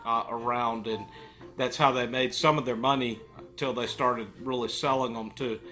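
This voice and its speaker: A man's voice: medium pitch, steady tone, normal speed, pushed and bright, faint music behind. A man in his fifties telling stories casually to camera, often with a pipe held in his mouth as he talks. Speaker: storyteller. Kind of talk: casual storytelling monologue to camera. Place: living room, indoors.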